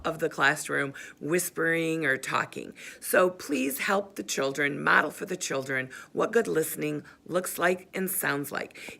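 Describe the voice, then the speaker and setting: A middle-aged woman teacher giving a slow, careful briefing to parent volunteers, pausing often as she explains. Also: on the low side, creaky, pushed and bright, slightly rough. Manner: slow, careful and instructive, with frequent pauses.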